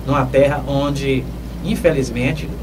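An older man, hosting a radio advice show in a measured, lecturing manner with emphatic rises. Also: medium pitch, steady tone. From Northeast Brazil. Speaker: radio host answering listener questions. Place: small dark radio studio. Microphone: studio mic on boom, heard from a distance. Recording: distant mic with clear background noise.

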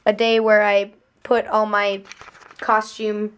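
A young woman with a slightly raspy voice, vlogging in a chatty, giggly, rambling way from a film set where she works as a stunt performer. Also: medium pitch, monotone, slow, fairly bright tone. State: voice sounding raspy. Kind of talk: casual vlog chat.

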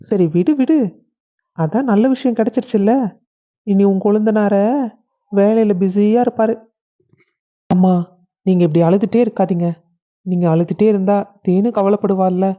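A woman voicing a calm, sensible elder son and husband with a Kongu Tamil accent, reasoning gently with his family. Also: mid-range voice, natural voice. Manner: soothing and reasoning. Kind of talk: family drama acting. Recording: dull lo-fi recording.

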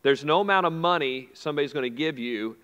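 A man's voice: a little high, fast talker, pushed and bright, clean tone, highs cut off. A man preaching a sermon in a conversational way, repeating key phrases and asking the congregation questions. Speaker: pastor. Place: church sanctuary. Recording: long hall reverb.

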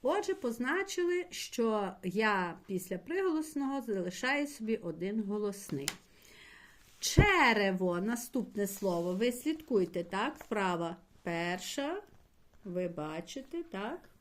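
A woman teacher talks her young pupils through a language lesson at an unhurried, deliberate pace. Her voice sits at an ordinary middle pitch, and she stretches words into syllables as she explains. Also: lively intonation. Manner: slow, patient explaining, addressing pupils directly. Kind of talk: primary school language lesson.

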